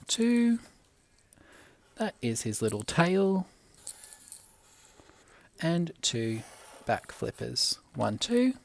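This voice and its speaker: A young man, a primary school teacher, gently talking children through a drawing step by step. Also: medium pitch, gravelly. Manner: gentle, unhurried, talks while drawing. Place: classroom at school.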